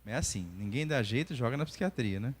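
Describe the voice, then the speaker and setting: Speaking a little fast in a mid-range voice, a Brazilian doctor in his forties teaches a church class. His Brazilian Portuguese accent colors lively personal stories in which he acts out the conversations. The church hall adds a long reverb.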